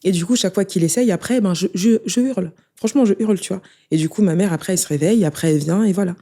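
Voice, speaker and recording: In this casual spoken testimony, a young woman with a medium-pitched, mellow voice tells the story of her life during an interview. She talks fast and emotionally, keeping it conversational and often saying "tu vois" to the listener.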